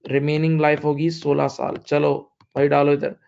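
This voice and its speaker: This online accounting lecture features a man in his thirties with an Indian English accent whose high-leaning, darkish voice is completely flat, with vocal fry and normal speed, captured on a muffled recording. He patiently repeats the key points, calls his students "beta," and mixes English terms into Hindi.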